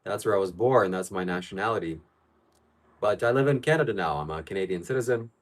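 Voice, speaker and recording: On his casual live stream, a Ukrainian man reads chat questions and fires back blunt answers at a fast pace. His pitch sits slightly low, and his opinions sound flat and sure.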